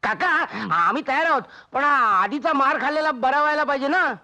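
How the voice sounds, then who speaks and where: A man's voice: very high voice, brisk, bright, forceful tone, no room sound, heavily acted. An actor playing a timid village man who stammers and pleads his way through trouble in the city. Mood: suspicious. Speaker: comic lead in a film. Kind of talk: comic film acting.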